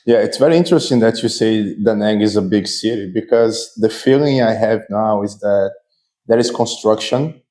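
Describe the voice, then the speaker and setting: A man's voice: fairly low pitch, moderate pace, dark tone. A man hosting an interview, asking talkative, friendly questions in Portuguese and English. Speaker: host.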